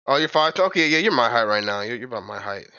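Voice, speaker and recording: A man's voice: mid-range voice, animated, fast talker, sharp tone, clean tone, no echo, highs cut off. A young man chatting casually with friends during a game stream, rambling with lots of filler and calling them bro. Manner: rambling, filler-heavy, says "bro" and "like" a lot. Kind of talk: casual gaming chat.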